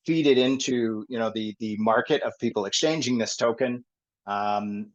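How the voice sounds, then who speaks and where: A man presenting a technical topic on a group call, thinking aloud with many pauses and fillers. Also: mid-range voice. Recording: dull lo-fi call audio.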